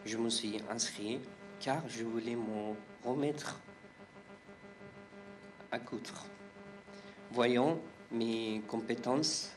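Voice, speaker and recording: Guy in his 30s reading his testimony real slow, stumbles and restarts, music clearly behind him. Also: mid-range voice, steady tone. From Afghanistan. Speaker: refugee giving testimony. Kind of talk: read-out personal testimony.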